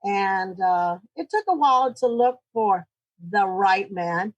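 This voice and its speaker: A woman of sixty-nine, a guest chatting warmly about her marriage, quick to laugh and joke about herself. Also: mid-range voice, animated, dull audio. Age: 60s. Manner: chatty, laughing, self-joking. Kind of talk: casual interview chat.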